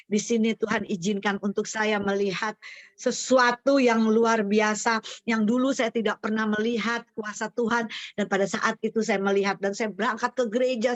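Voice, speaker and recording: A woman's voice: no room sound, muffled recording. A woman pastor with an Indonesian accent, giving a testimony sermon and calling her listeners "brothers and sisters" again and again, voicing the quoted prayers with fervor. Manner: addresses the congregation as "saudara" again and again; animated, acting out quoted prayers at a higher pitch.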